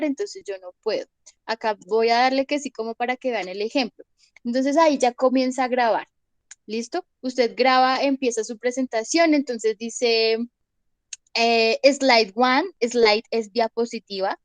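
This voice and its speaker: A woman's voice: a little high, dry recording, low-quality recording. A young adult woman teaching an online English class from home into her phone microphone. She explains step by step and keeps checking that students follow.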